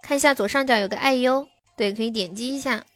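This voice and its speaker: A woman's voice: on the high side, quick pace, no echo. A young woman hosting a live stream, chatting casually with her viewers and answering their comments.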